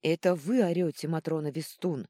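A woman voicing a flustered male court healer who exclaims excitedly. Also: sits low, moderate pace, breathy edge, no echo, studio quality, exaggerated voice. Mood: agitated.

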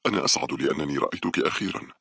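A calm, friendly young man in a spoken horror tale, soft and unhurried, as the narrator plays him. The voice is very deep and gravelly with a husky edge. It sounds close and dry. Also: no echo, heavily acted. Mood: gentle.

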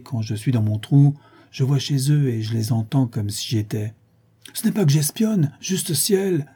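A man's voice: medium pitch, mellow, breathy edge, lightly acted. A man voicing a nosy, self-important old male porter who talks in a prim, fussy way. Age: older.

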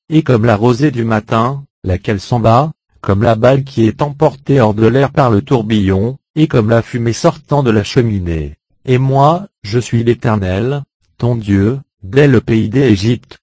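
Man, Bible reading, measured and solemn, mid pitch, dry close sound. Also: a little mellow, no echo. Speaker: Bible reader. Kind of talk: scripted scripture reading.

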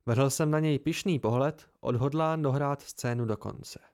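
A man's voice: medium pitch, a little mellow. Man narrating an amateur audiobook.

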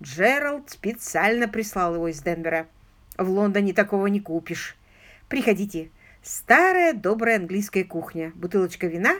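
A woman voicing a lively, aristocratic English gentleman detective in an audiobook, questioning eagerly and insistently. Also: mid-range voice, moderate pace, natural voice. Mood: cheerful, inviting. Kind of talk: audiobook character reading.

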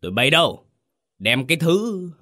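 A man voicing a cruel, bad-tempered old village chief who shouts and scolds. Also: on the low side, big pitch swings, moderate pace. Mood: angry scolding.

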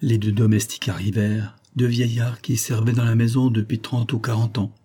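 A man reading a literary story aloud in a measured, even narrating voice. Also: mid-range voice, breathy edge. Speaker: audiobook reader.

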